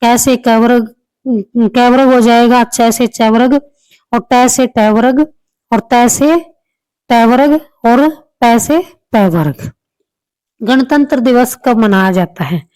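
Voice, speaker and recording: A woman teacher talks through practice questions one by one with a slightly high voice. She explains patiently and repeats the key answers. The sound is close and dry, with no room around it. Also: slow pace, darkish tone, no echo, rough recording. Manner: explains step by step, repeats answers, small restarts. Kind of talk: exam-prep lesson.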